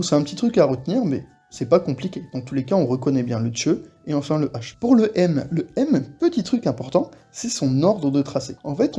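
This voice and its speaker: A man teaching a casual video lesson, explaining relaxedly and repeating example words slowly. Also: on the high side, dark tone. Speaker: Korean language teacher.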